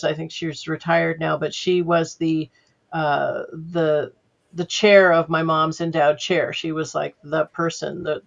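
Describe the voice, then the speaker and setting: A woman's voice: low voice, muffled recording. An older woman, a sound editor as podcast guest, telling anecdotes in a chatty way full of fillers. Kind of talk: casual interview storytelling.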